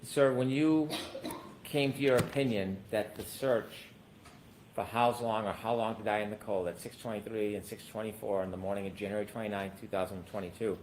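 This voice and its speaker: A man's voice: on the low side, steady tone, fairly quick, a little mellow, a little hiss or hum, poor audio. A man questioning a witness as an attorney in a courtroom recording, asking probing questions with frequent hesitations.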